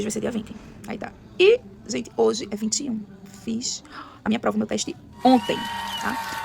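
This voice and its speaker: Woman vlogger, very quick, gravelly and a little high, faint noise behind. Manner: chatty, lively, retells scenes with quoted voices. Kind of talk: casual storytelling to camera.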